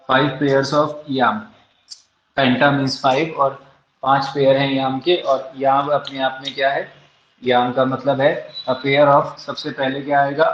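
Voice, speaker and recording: There's a little hiss or hum behind this medium-pitched man teaching English literature for exam prep. He speaks with an Indian English accent, raising rhetorical questions and then answering them, all captured in an echoey, dull, lo-fi room.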